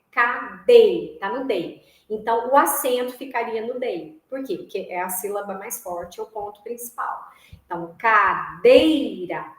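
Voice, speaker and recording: A woman's voice: a little high, fairly bright tone, reverberant, low-quality recording. A woman music teacher with a Brazilian Portuguese accent, explaining a lesson patiently and checking in with short tag questions, sometimes chanting rhythm syllables. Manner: explanatory, tags phrases with "né?" and "tá?".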